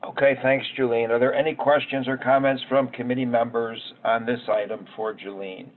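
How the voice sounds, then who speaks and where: A man acting as committee chair over a teleconference line, reading formal procedure in a measured way. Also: mid-range voice, flat delivery. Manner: measured, reads set phrases. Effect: heard over a teleconference line. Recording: tinny phone-line sound, faint noise.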